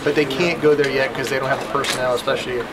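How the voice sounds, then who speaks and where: A man's voice: medium pitch, little pitch movement. Analytical man with crowd noise behind. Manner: measured, analytical, with fillers. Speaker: football podcast co-host. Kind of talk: casual sports analysis. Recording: live show with crowd behind.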